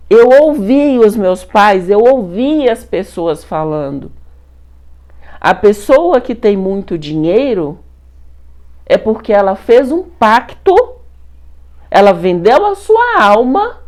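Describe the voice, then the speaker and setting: Brazilian lady, bit high-pitched, chatty storytelling, repeats herself a lot. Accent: Brazilian Portuguese. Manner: animated, repetitive, colloquial retelling. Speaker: spiritual channel host. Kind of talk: personal storytelling to viewers.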